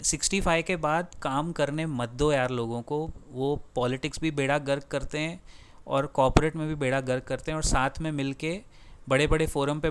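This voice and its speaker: A man's voice: mid-range voice, clear, resonant tone. A middle-aged Indian man hosting a finance channel, delivering opinionated commentary in a passionate, sarcastic rant with sudden emphatic bursts. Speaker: finance video host.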